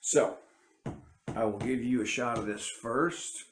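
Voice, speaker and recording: A native English-speaking man, an independent bible teacher, gives casual, rambling commentary to camera, often breaking off and restarting sentences. His mid-range voice is steady and slow, with a roomy sound and a little hiss or hum.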